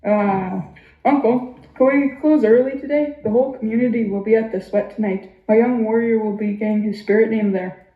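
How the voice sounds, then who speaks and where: A woman's voice: on the high side, steady tone, moderate pace, close to an everyday voice. A woman playing an earnest, goofy store clerk in an amateur sock puppet show. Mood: earnest, pleading. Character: earnest, devout young parent working as store clerk. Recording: muffled, echoey room.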